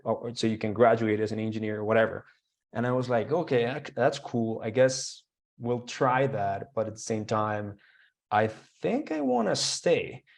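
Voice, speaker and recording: A young man with a Colombian Spanish accent and a mid-range voice appears as a guest in a casual interview, telling his own story. He rambles, using fillers and restarting his sentences.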